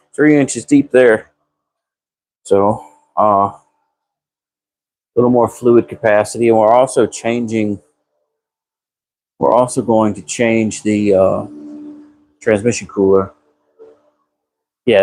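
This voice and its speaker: Slow-drawling man. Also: fairly low pitch, a little mellow, low-quality recording. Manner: folksy, slangy cracker talk. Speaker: live streamer working on cars in a garage. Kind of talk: casual live-stream chat while working. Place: garage.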